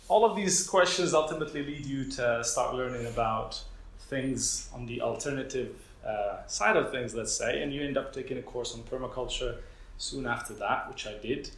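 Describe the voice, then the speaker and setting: Before an audience in a lecture hall, a young Moroccan doctoral student delivers a casual talk in a fairly bright, mid-range voice. His delivery is halting, heavy with fillers and self-deprecating. The recording picks up room echo and faint ambient sound.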